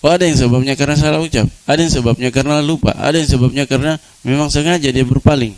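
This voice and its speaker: A man's voice: steady tone, very fast, rough recording. A man teaching Arabic grammar to a class, often asking rhetorical questions, answering them himself and repeating key words. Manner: repeats key words, drops to a low voice for examples. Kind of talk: classroom lecture.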